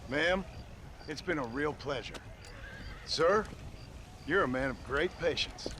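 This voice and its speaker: An actor playing a weary, laconic gunslinger in a video game, speaking in a dry Western drawl. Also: male voice, on the high side, animated, takes it slowly, noisy background. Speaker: wandering gunslinger. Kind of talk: video game cutscene acting.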